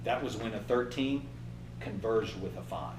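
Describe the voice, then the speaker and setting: A man in his fifties giving an animated motivational workshop talk and acting out inner voices. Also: lowish voice, moderate pace, echoey room, far from the mic, background noise. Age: 50s. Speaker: trainer.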